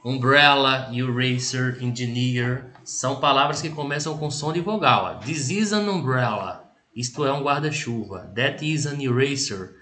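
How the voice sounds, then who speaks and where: A man with a Brazilian Portuguese accent teaching an English lesson. He explains patiently, checks in often and reads example sentences slowly before translating them. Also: mid-range voice, bright, forceful tone. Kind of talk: recorded language lesson.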